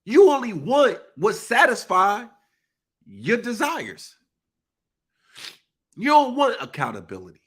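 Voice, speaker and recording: A very high-pitched, husky, fairly bright male voice swings widely in pitch as he speaks slowly with long pauses. He's a preachy, emphatic live-streamer with a stuffy nose, delivering an impassioned monologue in informal language.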